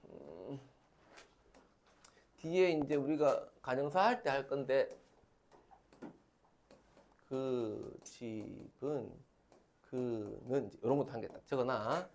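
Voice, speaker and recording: Animated teacher. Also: male voice, mid-range voice, slow, gravelly, long pauses, slight background noise. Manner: emphatic, repeats key terms, calls on students. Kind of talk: classroom lecture. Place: classroom.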